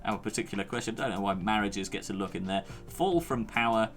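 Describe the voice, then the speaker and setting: A man's voice: on the low side, a little fast, faint music behind. A man from the UK co-hosting a podcast, reading out listener comments in a dry, hesitant way full of fillers. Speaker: podcast co-host. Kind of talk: casual chat.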